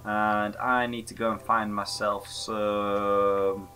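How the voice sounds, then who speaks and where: A man's voice: fairly low pitch, flat delivery, takes it slowly, bright, forceful tone, faint music behind. A man casually chatting while playing a video game, playful and giggly with sing-song outbursts. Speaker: co-host gamer. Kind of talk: casual gameplay chat.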